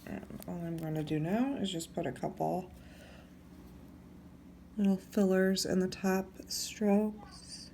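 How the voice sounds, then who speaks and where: A low, dark-toned woman talks slowly through a tattoo tutorial, her voice gravelly and a little hoarse from allergies. She sounds relaxed and chatty as she works, with faint noise behind her. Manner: slow, relaxed and chatty while working. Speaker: tattoo instructor. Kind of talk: casual tutorial demo.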